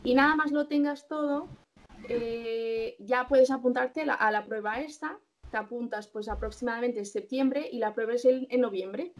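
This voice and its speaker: Young woman doctor, kinda high voice, lots of ehs and restarts while she explains stuff. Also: moderate pace. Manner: hesitant, many fillers and self-corrections. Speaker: resident doctor being interviewed. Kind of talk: casual interview, explaining steps.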